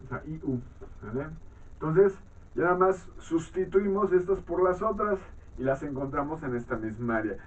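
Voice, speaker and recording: Guy teaching english sounds, kinda high voice, keeps clearing his throat, sounds like a phone far from the mic. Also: lively intonation, lo-fi sound. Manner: halting, restarts often, clears throat often, checks in with "¿vale?". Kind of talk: classroom-style lesson explaining vowel sounds.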